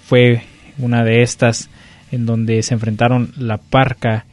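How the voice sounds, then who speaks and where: A man gives unscripted wrestling commentary as a host. He speaks slowly and haltingly at a medium pitch, recorded close and dry. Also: level tone, darkish tone, dry recording. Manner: halting, searching for words. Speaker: show host.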